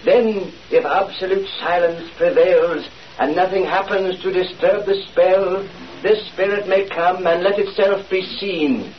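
An actor in a 1940s radio play, playing a fake mystic who leads a seance in a slow, solemn voice. The recording is an old radio broadcast. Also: male voice, high-pitched, fairly even intonation. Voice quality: solemn, intoning. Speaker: medium. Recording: dull old radio broadcast, hiss, distant.

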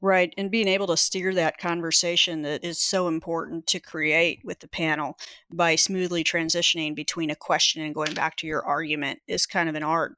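A woman lawyer offers practical, encouraging advice in an easy conversational way. Her tone is bright and forward. The recording is dry, with no room sound. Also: low voice, no echo. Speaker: appellate lawyer. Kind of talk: conversational podcast discussion.

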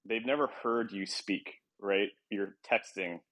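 A man's voice: fairly low pitch, measured pace, a bit bright, no room sound. A young man hosting a podcast, chatting casually in a rambling, self-deprecating way and laughing often, sounding a little tired. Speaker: podcast host. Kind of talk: casual chat.

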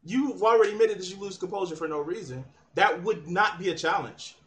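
Man, high-pitched, taunting and profane, channel host, heated argument. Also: brisk, fairly bright tone.

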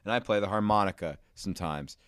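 A man's voice: on the low side, fast, fairly bright tone, clean tone, no room sound, clean studio sound. A man co-hosting a podcast, joking and teasing the listeners in a playful casual chat. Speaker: podcast co-host. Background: music playing.

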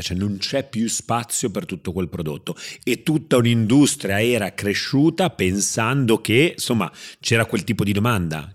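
A man hosting a podcast, chatting casually and ramblingly with repeated words, recorded with slight echo in a small room. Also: sits low. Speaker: podcast host. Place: small echoey room away from the usual studio.

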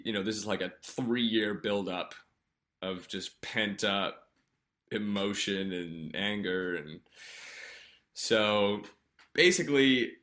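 A man telling a personal story in a candid, earnest way, halting often with fillers and restarts. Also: lowish voice, pushed and bright.

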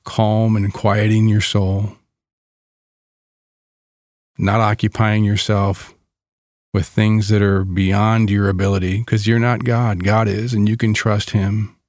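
Very slow, calm man guiding meditation. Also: on the low side, dry recording, studio quality. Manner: calm, soothing, gentle delivery with long pauses. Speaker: guided meditation leader.

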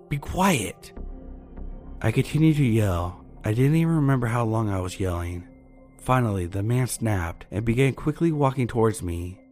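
Brief: male horror narrator, lowish voice, measured delivery, faint music bed. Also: a little mellow. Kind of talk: reading submitted true scary stories. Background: faint background music.

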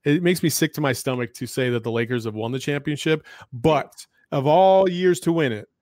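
A man's voice: fairly high pitch, moderate pace, no echo. Dry, close-miked male podcast host. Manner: relaxed, chatty, lots of fillers and restarts. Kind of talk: casual sports chat.

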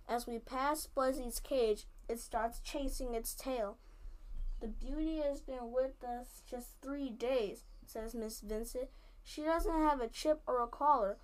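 A woman reads a children's chapter book aloud in a fairly high voice. She keeps a plain, even storybook delivery through narration and dialogue. Now and then she stumbles and restarts a phrase. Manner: plain storybook reading with small slips and restarts. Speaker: story reader.

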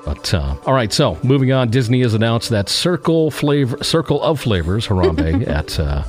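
A man's voice: medium pitch, sing-song, moderate pace, darkish tone, faint music behind. A man hosting a casual podcast, chatting and reading out news items with easy laughs. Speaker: podcast host.

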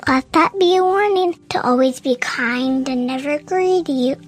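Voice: high-pitched, unhurried. A young host narrating a scary story for kids, dramatic and dropping into whispers for the creepy parts.

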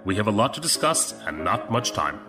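An actor playing a commanding older admiral in an audio drama, measured and conspiratorial, with music behind. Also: male voice, on the low side, big pitch swings. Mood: stern. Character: stern older male imperial admiral, conspiratorial.

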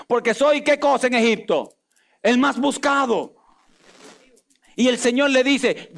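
High-voiced pastor, animated sermon. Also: male voice. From Dominican Republic. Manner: animated, acts out dialogues with God and Moses, jokes with congregation.

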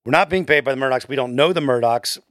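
A man's voice: mid-range voice, fast talker, dry recording, clean studio sound. A man hosting a casual podcast and reading listener comments aloud. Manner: reads listener comments aloud, defensive but even. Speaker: podcast host.

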